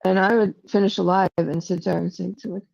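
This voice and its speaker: A woman's voice: mid-range voice, fairly even intonation, a little fast, vocal fry, a little mellow, dry recording, highs cut off. A woman streamer in casual livestream talk to her chat, rambling and emotional, full of self-doubt and "like" fillers. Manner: frequent "like" fillers.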